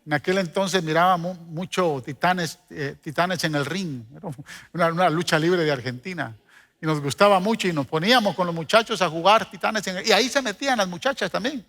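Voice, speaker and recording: A middle-aged man preaches as a pastor, his high voice ringing bright and forceful. He tells personal stories with a joking touch to his congregation, and a long reverb hangs after his words in the church hall. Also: fairly quick. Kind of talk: sermon.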